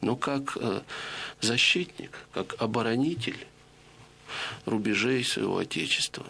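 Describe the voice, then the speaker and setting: A middle-aged man gives a reflective lecture to radio listeners in a low, heavily gravelly voice that keeps a forceful, bright edge. He explains things in a measured way, frequently pausing on hesitations, while a faint hiss sits under the recording.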